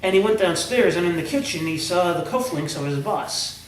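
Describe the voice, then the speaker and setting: A man rambles through a movie scene and a couple of jokes, restarting his sentences as he goes. His voice sits a little high. He sounds far from the mic in an echoey room, with a faint hiss underneath. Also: animated, normal speed. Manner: rambling storyteller with restarts, acts out quoted lines. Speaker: co-host. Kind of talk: casual chat, retelling movie scenes and jokes.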